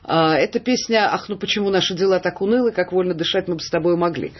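A woman's voice: on the low side, quick pace, slight background noise. A woman hosting a live radio talk show who teases her guests in a playful way. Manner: teasing, playful. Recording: dull lo-fi radio broadcast.

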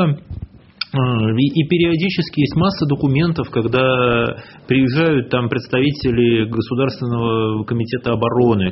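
A male historian on a radio show, explaining in earnest, with long sentences that pile up detail on detail. The broadcast sound is dull and lo-fi, with a faint hiss underneath. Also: mid-range voice. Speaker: historian guest. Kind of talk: conversational radio interview. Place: radio studio.

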